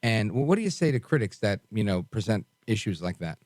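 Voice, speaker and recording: A man's voice: lowish voice, sing-song, brisk, a little mellow, no echo. A man hosting a radio talk show in a conversational style.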